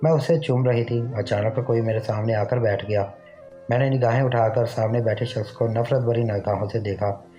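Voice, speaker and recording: A man narrating an emotional first-person story in an earnest, steady reading voice. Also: mid-range voice, moderate pace, soft background music. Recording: dull lo-fi recording.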